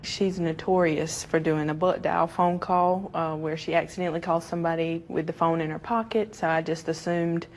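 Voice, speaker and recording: A woman's voice: sits low, steady tone, normal speed, few pauses, a little hiss or hum. A woman interviewed as a friend, speaking earnestly and sincerely. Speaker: friend of the victim.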